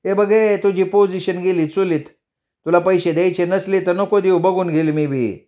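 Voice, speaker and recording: Casting note: a quarrelsome village sister, put on by a male storyteller, scolding and taunting, high-pitched. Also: steady tone, moderate pace, dark tone, natural voice. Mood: indignant. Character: sharp-tongued village woman, hero's elder sister.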